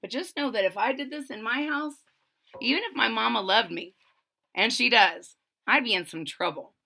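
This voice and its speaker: Reading a rhyming picture book for children, a storyteller speaks at normal speed in a slightly high voice with vocal fry. Her delivery is expressive, and between rhymes she turns to her listeners with chatty asides.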